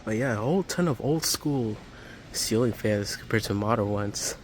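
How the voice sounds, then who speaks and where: With a fairly low voice and moderate pace, this vlogger gives relaxed commentary while touring a huge warehouse store. The recording is low quality, made on a handheld phone or camera, and the store's ambient noise is clear.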